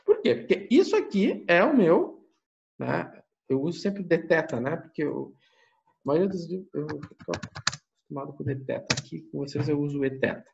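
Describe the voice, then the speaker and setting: A man's voice: fairly high pitch, big pitch swings, moderate pace, creaky, lo-fi sound, slight background noise. A male math teacher with a Brazilian Portuguese accent, lecturing step by step, asking his own questions and answering them, with frequent tag questions. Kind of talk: lecture walking through a calculation.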